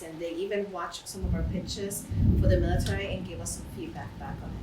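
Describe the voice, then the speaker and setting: A woman from Puerto Rico, a company CEO, explaining her business in an earnest, businesslike way in an interview. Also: lowish voice. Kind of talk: recorded interview. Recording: echoey room, distant mic, background noise.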